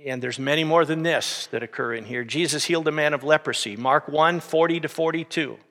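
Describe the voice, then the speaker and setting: A man's voice: fairly high pitch, fairly quick, a bit bright, big-room sound. A man preaching a sermon as pastor, teaching steadily and then rising to emphatic preaching.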